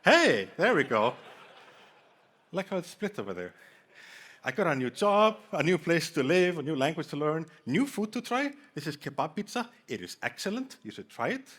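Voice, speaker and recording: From a conference stage, an Icelandic man with an Icelandic accent keeps the talk playful and trades jokes with the audience. His fairly bright, slightly rough voice is on the high side, moves through big pitch swings, and keeps a moderate pace.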